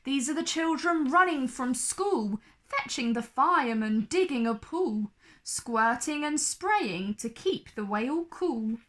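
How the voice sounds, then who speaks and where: A woman reading a rhyming picture book aloud to children in an expressive storytelling style. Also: sits high, slow.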